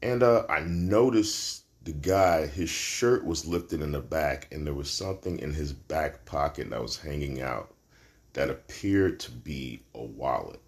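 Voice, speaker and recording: A Brooklyn man with a New York accent and a very low, deep voice hosts his own podcast. He talks casually and slangy, with plenty of profanity, and his pitch jumps sharply upward when he lands a punchline. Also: a little slow. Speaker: podcast host. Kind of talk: casual solo podcast storytelling.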